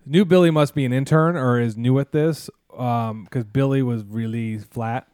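A man of middling pitch tells long, meandering stories in a casual chat, leaning on "um" and restarts and dropping sarcastic asides. His voice sounds close and dry, with no room around it. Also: normal speed, a little mellow, clean tone, dry recording. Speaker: podcast host, mascot performer.

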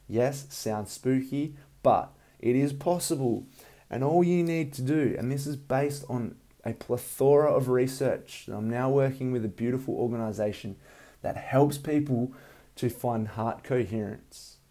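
A man speaking as a motivational coach and meditation guide, earnest and deliberate, leaning on repeated phrases, with a mellow, slightly gravelly voice. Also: mid-range voice. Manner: earnest, emphatic repetition, unhurried guiding.

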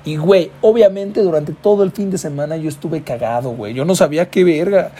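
A man's voice: fairly high pitch, brisk, mellow, husky. A young man of about twenty with a Mexican accent, hosting a podcast and telling a comic story in a slangy, profane way. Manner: slangy and profane, peppers every line with güey. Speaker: podcast host.

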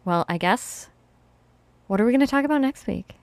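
A woman's voice: fairly high pitch, animated, normal speed, no room sound. A woman hosting a casual podcast who teaches rope classes, explaining step by step and laughing easily. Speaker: podcast host and rope bondage instructor.

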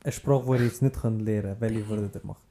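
A young man chatting casually as a podcast co-host, telling stories in animated, slangy talk. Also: on the low side, quick pace. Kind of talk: casual chat.

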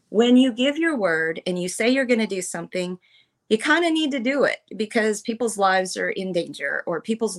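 A woman in her fifties, a military veteran guest on a podcast, telling personal stories in an earnest, emotional, halting way. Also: medium pitch. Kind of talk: personal storytelling in conversation.

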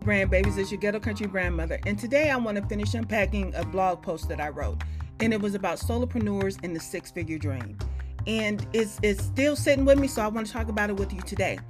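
A woman with a slow drawl, talking casually as a podcast host in a folksy, blunt, emphatic and freely swearing way. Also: medium pitch, animated, music in the background. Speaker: podcast host, brand strategist. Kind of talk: casual solo podcast talk.

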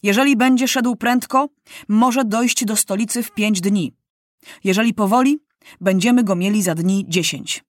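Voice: mid-range voice, normal speed, dry recording, clean studio sound, pitched above the performer's own voice, close to an everyday voice. A narrator voicing a stern, blunt older male war minister in a storybook reading, speaking firmly in clipped sentences. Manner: firm and clipped.

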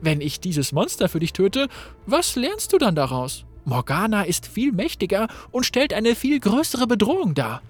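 A man's voice: high-pitched, big pitch swings, moderate pace, faint music behind, pitched above the performer's own voice. A man reading the lines of an exuberant ancient warrior woman in a game story, declaiming grandly. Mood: boisterous.

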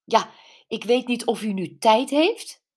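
An eager, nosy middle-aged woman sleuth in an audiobook, voiced by a woman reader. She pushes with excited questions, pitched a little above the narration. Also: measured pace, husky.

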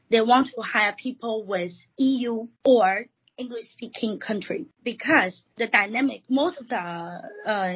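A woman from Taiwan talks as a guest on a podcast, explaining her points at a measured pace and pausing with frequent fillers. Her voice is strongly breathy and husky. The sound is dull and lo-fi. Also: medium pitch. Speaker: recruiting consultant guest. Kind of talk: podcast interview.

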